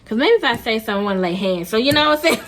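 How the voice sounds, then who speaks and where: A woman's voice: a little high, animated, rapid-fire, over loud music. A woman vlogger telling a dating story in a blunt, emphatic, slangy way, casually talking to her viewers.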